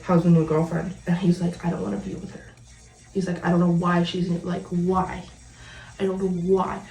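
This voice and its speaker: A woman's voice: fairly low pitch, warm tone. A young woman vlogger telling a storytime rant about her ex, blunt and sarcastic, swearing freely with bitter laughs. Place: at home, dyeing her hair. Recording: roomy, distant from mic, faint music behind.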